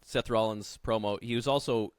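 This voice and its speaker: A man's voice: lowish voice, steady tone, normal speed, clear, resonant tone, no echo. A man co-hosting a wrestling podcast in casual chat, pushing back on the others' points. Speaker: podcast co-host.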